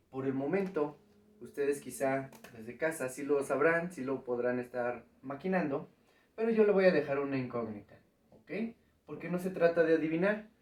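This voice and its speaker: A man with a voice on the high side and a darkish tone teaches a recorded math lesson at the board, heard from a distance in an echoey room. He explains patiently step by step and checks in with the students, his voice coming from off-mic.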